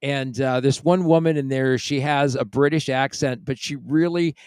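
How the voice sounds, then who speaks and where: A man's voice: medium pitch, steady tone, moderate pace, a little mellow, clean tone, no room sound. A man hosting a casual podcast chat, reading out listener comments and chuckling often, close to the mic. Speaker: podcast host.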